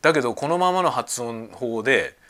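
Male podcast host, casual chat, talkative and excited, bright tone. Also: mid-range voice, normal speed. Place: at home, cooking and eating lunch.

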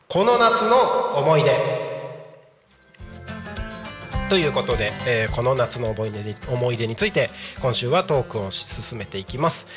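Polite male radio host over music. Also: medium pitch. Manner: polite, apologetic announcer patter. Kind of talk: live community radio hosting.

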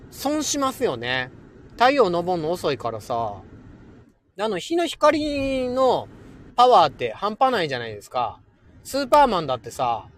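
A man hosting a casual solo livestream, chatting playfully with listeners and laughing often. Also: sits high. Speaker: livestream host.

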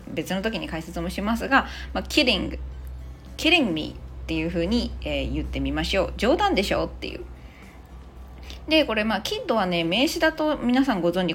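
Japanese woman in her 30s doing a casual english lesson podcast, pitch jumps around a lot, lots of filler words. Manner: chatty, lots of filler words, models English phrases slowly. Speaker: English teacher and podcast host. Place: Australia, speaking from abroad.

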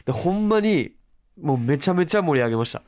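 A young man with a Kansai accent co-hosting a comedy radio chat, telling animated stories full of acted-out quotes and laughter. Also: a little high, quick pace. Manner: animated storytelling, acts out others' lines, laughs often. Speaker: comedian co-host.

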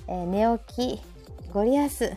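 A woman with a Kansai Japanese accent hosts a live audio show, chatting casually at normal speed in a slightly high voice. She chimes in with agreement frequently, and faint background music plays.

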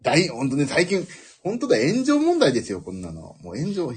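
A man talking alone in a loose, rambling way, his voice breathy and very husky. His pitch swings widely as he goes, rising high when excited and sinking low in asides. He laughs at his own jokes. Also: a little fast. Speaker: podcast host. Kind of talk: casual solo chat.

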